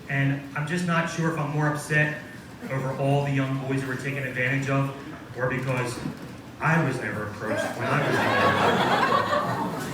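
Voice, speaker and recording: Man in his forties, stand-up comedy, self-deprecating punchlines, noisy live room. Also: on the high side. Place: coffee house stage. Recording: very echoey room, far mic, audience noise.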